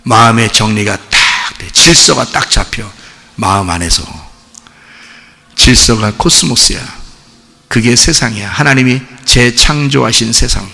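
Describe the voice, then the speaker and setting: A man preaching a sermon as pastor, emphatic and animated, repeating his exhortations to the congregation. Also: medium pitch, a little slow, vocal fry, long reverb tail. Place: church sanctuary.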